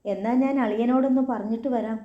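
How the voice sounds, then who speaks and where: A woman's voice: a little high, fairly even intonation, a little fast, highs cut off, lightly acted. A woman voicing an anxious middle-aged man who speaks in a hesitant, pleading way. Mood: worried. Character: anxious middle-aged man, the in-law taking his leave.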